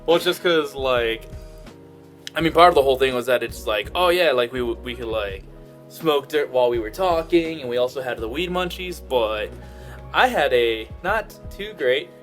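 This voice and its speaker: A young man co-hosting a casual podcast, talking loosely with lots of fillers and quick laughs. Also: medium pitch, expressive. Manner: laid-back, laughs often, filler-heavy. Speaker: podcast co-host. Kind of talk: casual chat. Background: faint background music.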